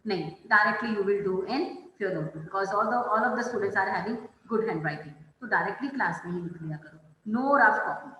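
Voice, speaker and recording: A woman teacher running an online class, speaking slowly and stretching out her English phrases as she calls on students by name. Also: mid-range voice, pushed and bright. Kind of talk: online class lesson, mixing Hindi and English. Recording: echoey room with long reverb.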